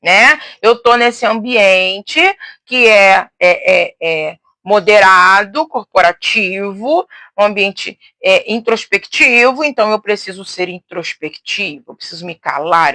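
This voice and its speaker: A woman teaching in a casual, talkative way, speaking loudly and expansively with frequent tag questions and restarts. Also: mid-range voice, measured pace, no room sound. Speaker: teacher and host. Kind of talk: casual teaching on faith and psychology.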